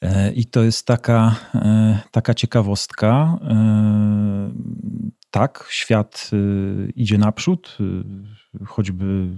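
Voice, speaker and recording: Brief: middle-aged male guest, dark gravelly voice, measured explainer, dry close mic. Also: fairly low pitch, little pitch movement, no room sound. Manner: measured, explanatory, uses rhetorical tags. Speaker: business intelligence consultant, guest. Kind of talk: interview answers.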